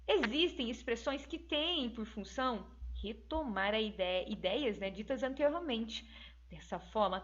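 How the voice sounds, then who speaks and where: A woman's voice: a little high, a bit bright, highs cut off. A Brazilian Portuguese-speaking woman teacher walking through exercise answers in a recorded lesson, explaining step by step and checking in with tag questions.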